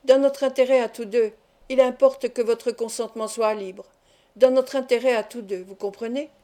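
A woman's voice: fairly high pitch, steady tone, moderate pace, mellow, lightly acted. A woman reading the part of a menacing man forcing a young woman toward marriage, cold and threatening. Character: menacing villainous man pressing a forced marriage.

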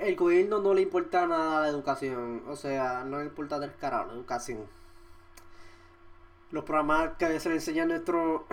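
A young man with a Puerto Rican accent delivers a casual podcast monologue. He rambles, restarts his sentences and swears freely. His talk is full of fillers as he works through his thoughts. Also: fairly high pitch. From Puerto Rico. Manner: rambling, profane, full of "este" and "o sea" fillers. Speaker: podcast host.

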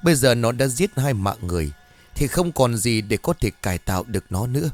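A calm old Buddhist monk, played by a male narrator, grave and measured in his warnings. His voice moves with lively shifts of pitch while quiet music plays behind. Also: lightly acted.

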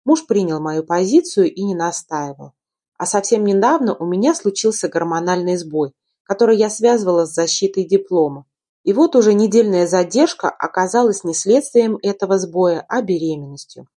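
A woman narrating a romance novel in the first person, in a calm, even storytelling manner. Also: medium pitch, moderate pace, breathy edge. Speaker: audiobook narrator.

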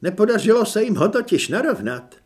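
A man voicing a guilt-ridden male theatre manager who rambles nervously in a raised, loud voice. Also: high voice, sing-song, voice pushed up. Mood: flustered.

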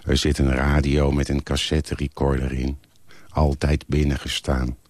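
A man's voice: rumbling low, completely flat delivery, moderate pace, a little mellow, no echo. A man reading a literary text aloud in a plain, matter-of-fact way.

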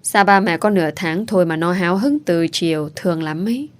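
A kindly middle-aged housekeeper chatters brisk and cheerful, as a woman voices her. The voice is low for a woman. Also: lightly acted. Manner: quick, cheerful.

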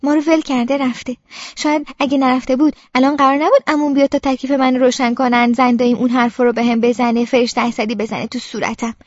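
A woman narrates an audiobook in the first person as a young girl, in a quiet, subdued and brooding way. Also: a little high, flat delivery, hardly any pauses, no room sound, dull audio.

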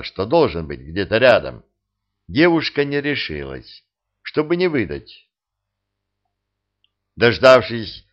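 A man narrates an audiobook in a measured, dramatic way. His delivery is slow and fairly low, and the recording sounds dull and lo-fi.

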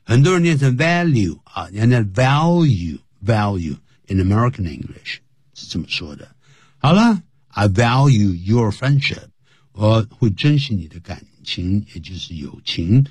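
A man's voice: on the low side, big pitch swings, measured pace, darkish tone, slightly rough, no echo. A man teaching English phrases in a radio lesson, explaining each one and spelling words out letter by letter.

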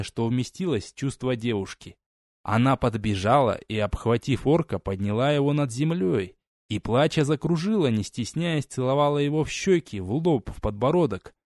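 A man narrating an audiobook in a steady, expressive reading. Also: mid-range voice, no room sound, studio quality. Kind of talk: scripted narration.

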